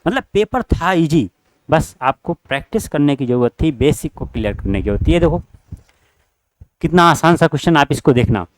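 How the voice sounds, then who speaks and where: A man's voice: a little high, expressive, moderate pace, no echo. A man teaching an online exam-prep class, working through test questions and urging his students again and again. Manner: repetitive, urging students directly.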